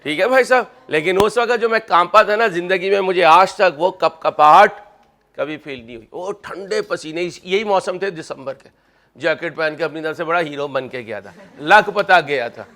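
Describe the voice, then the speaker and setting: A male accounting lecturer with a fairly high voice. He talks in a chatty, teasing way, slipping from funny personal stories into working through examples with his students. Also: normal speed, bright, forceful tone. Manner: chatty, joking, addresses students as kids. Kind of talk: classroom lecture with personal anecdotes.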